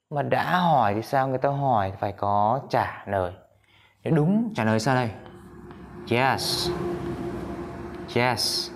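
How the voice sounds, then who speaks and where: A man with a somewhat low voice teaches an English grammar lesson at a whiteboard. He is patient, often asks his students questions and repeats examples slowly.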